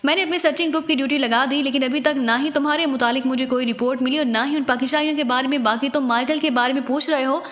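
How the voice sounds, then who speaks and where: A desperate middle-aged gangster father, frantic and begging, as a woman reads him in her own high voice. The voice rings with a long, reverberant echo. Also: steady tone, fast talker, few pauses, a bit bright. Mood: confiding. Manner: frantic and pleading. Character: frightened middle-aged male crime boss, a doting father.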